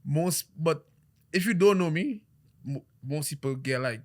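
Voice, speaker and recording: A man's voice: fairly high pitch, a little slow. A young man hosting a podcast, telling stories animatedly with frequent laughs and restarts. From Trinidad. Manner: animated storyteller, laughs often, many restarts. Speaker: podcast host. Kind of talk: casual podcast chat.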